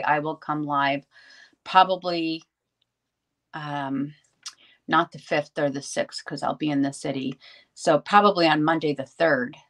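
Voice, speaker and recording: A woman's voice: mid-range voice, a bit bright. A middle-aged woman from New York hosting a casual craft livestream, chatty and rambling as she greets viewers by name. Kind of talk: casual live-stream chat.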